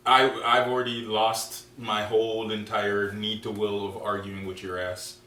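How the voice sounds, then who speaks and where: A man co-hosting a casual podcast, talking bluntly and with lots of swearing, getting louder as he rants. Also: on the low side, flat delivery, unhurried. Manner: blunt, profane, heats up when ranting. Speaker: podcast co-host. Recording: echoey room, mic at a distance, faint hum.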